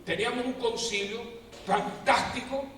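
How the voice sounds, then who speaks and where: Priest, high-pitched and lively, preaching in a big echoey hall, mic far off. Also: male voice, moderate pace. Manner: animated storyteller, acts out quotes with humor. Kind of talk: lively preaching talk to a prayer group. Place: parish prayer assembly hall. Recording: echoey hall, distant mic, faint noise.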